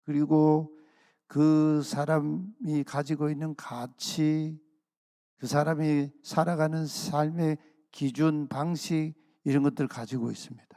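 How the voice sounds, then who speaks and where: Male pastor, sermon voice, gravelly, dry close sound, earnest with slowed emphasis. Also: a little high, level tone, mellow, dry recording. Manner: earnest preaching, slows and stresses key phrases. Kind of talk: sermon at a dawn prayer service. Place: church sanctuary.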